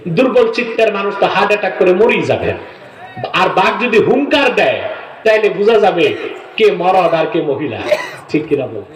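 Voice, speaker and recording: A Bangladeshi man giving a dramatic open-air sermon, rising to shouts and calling on the crowd to answer. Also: on the high side. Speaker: preacher. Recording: echoey loudspeaker sound from afar.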